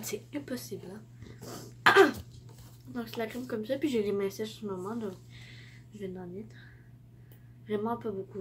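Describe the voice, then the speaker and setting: A woman's voice: mid-range voice, slight background noise. A teenage girl with a Québécois French accent who has the flu, giving rambling tips in a casual vlog and often dropping to a near-whisper. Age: teens. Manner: rambling, self-correcting, drops to near-whispers. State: sick with the flu. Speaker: vlogger.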